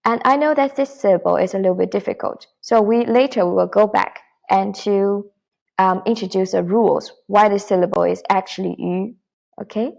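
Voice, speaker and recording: A woman's voice: medium pitch, moderate pace, gravelly, darkish tone, lo-fi sound. A woman teaching a beginner Mandarin lesson online, patiently modelling syllables and repeating them for learners to copy.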